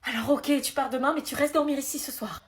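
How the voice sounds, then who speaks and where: A woman's voice: high-pitched, fairly even intonation, quick pace, a little hiss or hum. A young woman acting in a comedy skit, coaxing and pleading.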